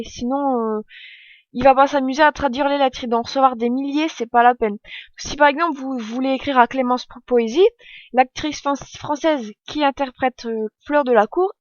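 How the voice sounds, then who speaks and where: Chatty young woman, high voice, muffled mic. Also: no echo. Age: 20s. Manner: chatty, self-correcting, explaining step by step. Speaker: tutorial vlogger. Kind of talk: casual screen-recorded tutorial.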